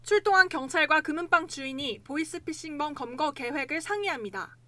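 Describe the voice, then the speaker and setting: A woman's voice: sits high, lively intonation, brisk, pushed and bright, dry recording. A woman narrating a scripted news report as a reporter.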